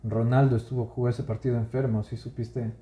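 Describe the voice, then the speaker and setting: This Ecuadorian man co-hosts a podcast in a casual, relaxed chat, guiding the conversation through his questions. He speaks a little fast in a mid-range voice, with reverberant sound.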